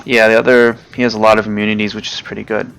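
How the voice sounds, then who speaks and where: A man with a lowish, gravelly voice talks through his gameplay in a loose, casual way. His tone is bright and forceful, though his delivery is hesitant, full of fillers and half-remembered names. Faint game music plays behind him. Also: level tone, very fast. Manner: hesitant, many fillers, loses track of names. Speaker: gaming video creator.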